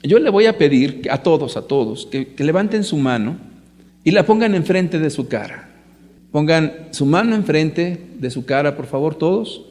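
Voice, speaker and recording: A preacher speaks to a gathered audience with a fairly high voice. He is emphatic and rhetorical and turns often to question his listeners. Long reverb from a large hall hangs behind every line. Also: animated, normal speed, a little mellow. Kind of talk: sermon to a live audience.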